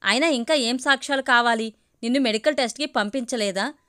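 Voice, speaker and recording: Earnest young guy friend, gentle, persuasive, lady reading it. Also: fairly high pitch, a little fast, clear, resonant tone, natural voice. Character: earnest young man, concerned well-wisher friend.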